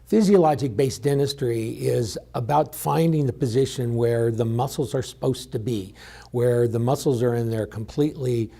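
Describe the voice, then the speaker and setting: Gravelly, husky-voiced man explaining calmly. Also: mid-range voice. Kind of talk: explanatory interview.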